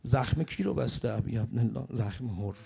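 A man preaching a mourning sermon, telling the story with emotion, often hushed and then building to loud passages. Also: mid-range voice, animated, gravelly.

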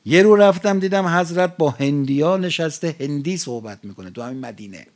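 A man from Iran giving a conversational religious sermon, telling stories and rising loud and high at the peaks. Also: animated. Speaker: preacher.

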